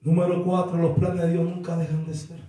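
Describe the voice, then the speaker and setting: A male pastor preaching a fiery sermon, swinging between shouted declarations and hushed asides. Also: on the high side, little pitch movement, fairly quick, far from the mic. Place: church sanctuary. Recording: very echoey church hall with faint music.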